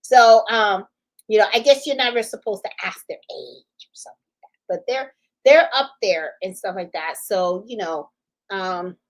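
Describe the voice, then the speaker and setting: A woman's voice: medium pitch, normal speed, low-quality recording. A woman in her fifties hosting a casual livestream, chatting in a rambling way, laughing easily and answering viewer comments. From Puerto Rico. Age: 50s. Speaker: livestream host.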